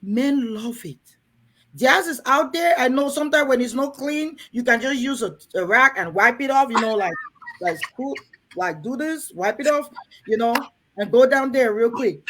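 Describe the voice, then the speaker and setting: Her voice sits fairly high and is expressive and a bit bright, moving at a moderate pace, with a little hiss or hum in the audio. She is a Cameroonian host giving women in a room an earnest, coaxing, frank talk, repeatedly turning to the ladies present.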